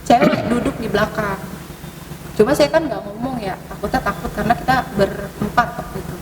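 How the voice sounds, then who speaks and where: A woman telling ghost stories in casual conversation, hesitant, with many fillers and sudden rises in pitch. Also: brisk. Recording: distant mic, echoey hall, noisy.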